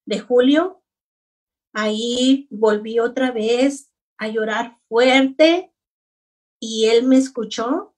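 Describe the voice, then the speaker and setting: A middle-aged woman, a grieving mother, telling her story slowly and haltingly in an interview. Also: on the high side, a little mellow, distant mic. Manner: slow, halting, heavy with grief. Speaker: guest, bereaved mother. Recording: voice from away from the mic.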